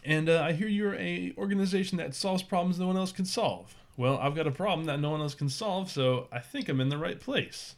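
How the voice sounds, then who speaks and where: A man's voice: on the high side, fairly quick, few pauses, voice pushed up, close to an everyday voice. A burly alien huckster in a cheap, greasy suit, all smiles and upbeat sales patter, as a man puts him on. His voice sits a bit above a man's usual talk and bounces with salesy cheer.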